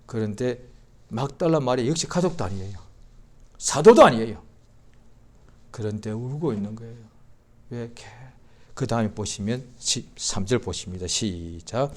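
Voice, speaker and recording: A male pastor preaching a Sunday sermon, acting out the story in voices and swinging from quiet talk to loud outbursts. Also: mid-range voice, animated, moderate pace, pauses often.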